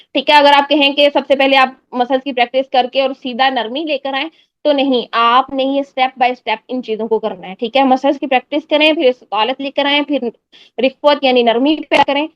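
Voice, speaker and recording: A woman's voice: sits high, smooth, no room sound, muffled recording. A woman teaching a step-by-step pronunciation lesson, patiently repeating drill sounds and checking that listeners follow. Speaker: Quran recitation teacher.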